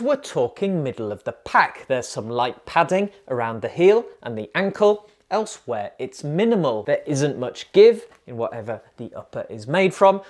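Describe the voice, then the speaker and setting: A man reads a scripted cycling review with deadpan, self-mocking humour. His pitch swings up and down a lot, so the jokes land with plenty of lift. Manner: dry self-mocking wordplay. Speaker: cycling vlogger. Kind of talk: scripted comic review narration.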